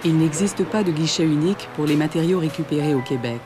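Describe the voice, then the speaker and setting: A narrator reading measured, informative documentary narration. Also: medium pitch, music in the background.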